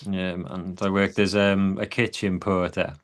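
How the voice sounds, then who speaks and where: Welsh rapper guest, low-voiced, easygoing and relaxed in conversation. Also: male voice, measured pace. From South Wales. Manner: laid-back, says "yeah, man" a lot. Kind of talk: casual podcast interview.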